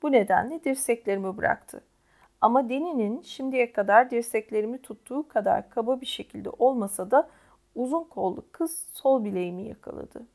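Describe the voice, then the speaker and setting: A woman narrating an audiobook in a calm, measured first-person voice. Her voice sits somewhat high.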